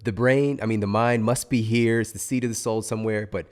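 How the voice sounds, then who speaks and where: Man, podcast host, reflective, hesitant phrasing, lowish voice. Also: fairly even intonation, brisk, a little mellow, clear, resonant tone. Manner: searching for words, thoughtful, hesitant. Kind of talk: casual interview chat.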